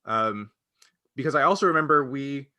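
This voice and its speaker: Expressive and pushed-bright, this man's mid-range voice moves at a moderate pace with no echo. He is a podcast co-host chatting casually about his past, hesitant and meandering, often doubling back mid-thought.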